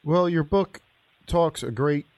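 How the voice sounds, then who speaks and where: A man's voice: fairly high pitch, slow, a little mellow, no echo. A man hosting a radio interview show, who asks his questions courteously and at length. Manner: courteous, with some fillers. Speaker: interview host.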